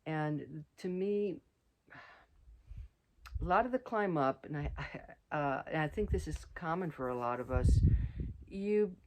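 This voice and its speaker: A woman's voice: sits low, lively intonation, measured pace, pauses often, a little hiss or hum. Middle-aged woman host, casual trail vlog outdoors, rambling delivery with fillers. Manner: rambling, many fillers and restarts. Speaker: vlogger.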